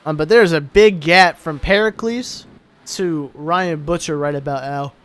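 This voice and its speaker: A man's voice: on the high side, measured pace, fairly bright tone, clean tone. Tired young male race commentator. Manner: laid-back, tired, yawning between calls. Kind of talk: casual sim-racing commentary.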